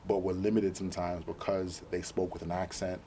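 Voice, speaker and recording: A man's voice: low-pitched, little pitch movement, fairly quick, mellow, slight background noise. A young man giving an earnest interview as a political candidate, fluent but with many ums. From Brooklyn, New York. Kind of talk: TV interview answers. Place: TV studio.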